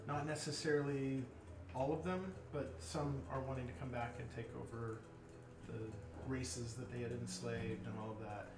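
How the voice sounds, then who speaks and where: A man's voice: medium pitch, fairly even intonation, normal speed, distant mic. A man in casual group chat during a worldbuilding game, thinking aloud with many ums and restarts. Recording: echoey room, off-mic, with music.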